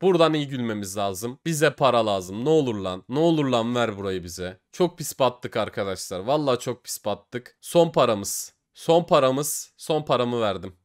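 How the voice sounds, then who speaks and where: A young man giving excitable gaming commentary as he opens online cases, swinging between cheering and despair. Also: mid-range voice, moderate pace, few pauses. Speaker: case-opening streamer.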